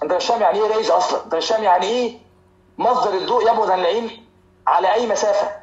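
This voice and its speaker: A man with an Egyptian Arabic accent gives a lively medical lecture in a hall, teasing students and drilling terms by repetition. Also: sits high, muffled recording.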